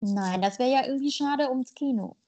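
A German-born woman co-hosts a podcast in a high, mellow voice at normal speed. Chatting casually, she's blunt and playful, spinning jokes out as she goes.

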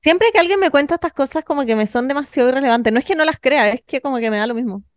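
A woman's voice: high-pitched, animated, rapid-fire, dry recording. A woman co-hosting a podcast, making offhand, shrugging remarks in casual chat.

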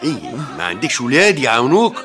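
An actor playing a blunt, dismissive Tunisian market customer in a radio drama. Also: male voice, mid-range voice, big pitch swings, very fast, a bit bright, a faint crowd. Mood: scornful.

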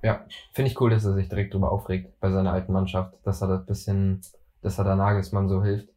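Male co-host from Germany; low, dark, even delivery, laid-back and dry. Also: a little fast. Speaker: podcast co-host. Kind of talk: casual football chat.

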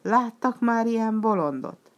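A woman voicing a mocking, boisterous male clown who jeers loudly in a raised voice. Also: low-pitched, animated, dull audio. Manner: raised, jeering and loud.

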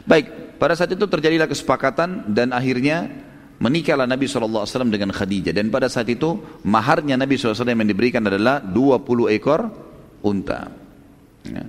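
A male preacher telling a story in a sermon, lively, with frequent tag questions. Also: mid-range voice, in a large hall.

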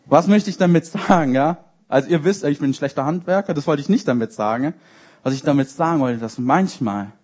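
A young man, a youth leader, preaching a sermon in a lively storytelling way and speaking directly to the congregation. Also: medium pitch. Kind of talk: sermon with personal anecdotes. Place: church service.

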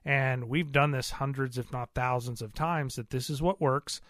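Bright-voiced earnest shop owner man. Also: mid-range voice, steady tone, moderate pace, no echo, clean studio sound. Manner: earnest, plain-spoken, rambling with fillers. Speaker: auto repair shop owner. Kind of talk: casual interview talk.

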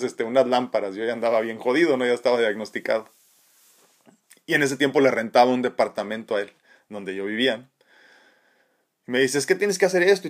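A man hosting a live stream, reading viewer comments and talking reflectively about faith, with frequent tag questions and restarts. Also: medium pitch. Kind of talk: casual spiritual live chat. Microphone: phone.

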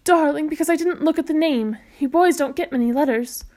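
An excitable, flustered mother from a children's storybook, as a woman reading aloud puts her on. She gushes in a high, breathless voice, her words tumbling out in a rush. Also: a little fast, lightly acted. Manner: breathless, gushing.

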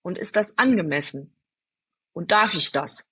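A woman guest in a podcast interview, telling personal stories in a lively way, answering her own rhetorical questions and speaking straight to the listener. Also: lowish voice, measured pace, slightly rough. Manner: addresses the listener directly. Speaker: storytelling guest.

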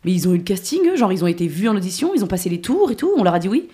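A woman delivering a comic rant column on a talk show, exasperated and swearing as she vents. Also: mid-range voice. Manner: fast, exasperated, swearing, animated. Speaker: comedy columnist. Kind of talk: ranting comic chronicle.

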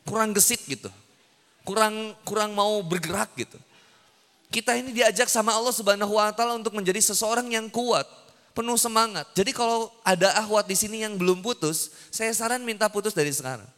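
Preaching casually and with humor to young people, a man teases his audience with playful questions. His voice sits high, a bit bright, and moves a little fast, and a long hall reverb trails behind it.

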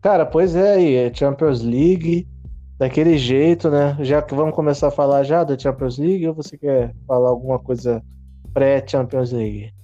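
Brazilian man, muffled call line, dark mellow voice, faint music behind. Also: mid-range voice, normal speed. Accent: Brazilian Portuguese. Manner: joking, slangy banter. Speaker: podcast co-host. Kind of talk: casual football chat. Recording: dull lo-fi call audio.

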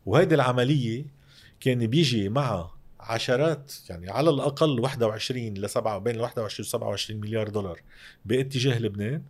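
Male Lebanese economic commentator, interview guest, quick delivery, emphatic and explanatory. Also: medium pitch. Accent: Lebanese Arabic. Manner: emphatic, uses rhetorical questions.

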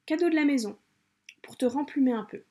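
Woman putting on Italian café mamma, put-on Italian accent, bossy, insistent, mellow tone. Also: high voice, brisk, pitched above the performer's own voice, close to an everyday voice. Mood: brisk. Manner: insistent, scolding, fussing.

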